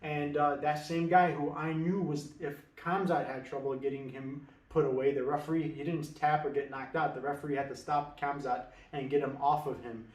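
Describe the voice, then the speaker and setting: A man's voice: on the high side, level tone, moderate pace, hardly any pauses, a little mellow, recorded from a distance. A man giving casual, confident fight-betting predictions, rambling with many restarts and fillers. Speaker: MMA betting tipster. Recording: echoey room, away from mic.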